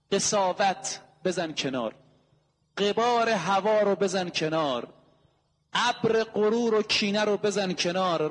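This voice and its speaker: A man preaching a sermon, driving his points home with rhetorical questions and repeated, emphatic lists. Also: sits high. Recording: long hall reverb.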